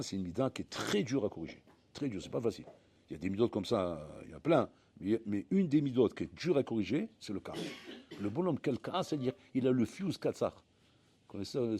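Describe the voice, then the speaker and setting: Man, rabbi, Torah class, husky voice, dark tone, theatrical, acts out dialogues. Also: fairly low pitch. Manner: animated, acts out dialogues, frequent restarts. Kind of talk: lively spoken Torah lesson.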